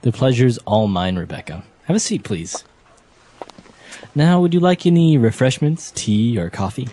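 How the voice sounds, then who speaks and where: A man's voice: mid-range voice, very animated, moderate pace, mellow, slight background noise, natural voice. A man acting a polite, formal office manager interviewing a job candidate in a scripted dialogue. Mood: courteous. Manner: courteous, formal.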